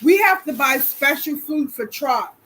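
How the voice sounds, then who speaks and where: High, bright, slow-talking woman. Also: animated, poor audio. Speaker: vlog co-host. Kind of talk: casual chat.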